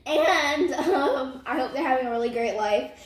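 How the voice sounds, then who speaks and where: A woman's voice: high voice, normal speed. A young teenage girl telling a story in casual chat, acting out what people said as she goes. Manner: animated retelling with acted-out quotes. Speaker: storytelling vlog co-host with parent. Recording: echoey room.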